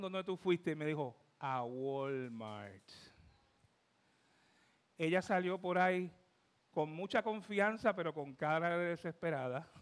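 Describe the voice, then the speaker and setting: A man in his fifties with a Puerto Rican accent, a pastor telling a testimony in a sermon, animated, swinging from loud to hushed. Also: high-pitched. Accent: Puerto Rican Spanish. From Puerto Rico. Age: 50s.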